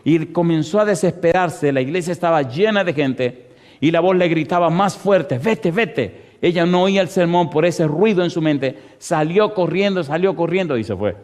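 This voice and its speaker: A male pastor delivering a fervent sermon in a somewhat high voice, firing rhetorical questions at his congregation. His words ring out with the long reverb of a church hall. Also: moderate pace, darkish tone.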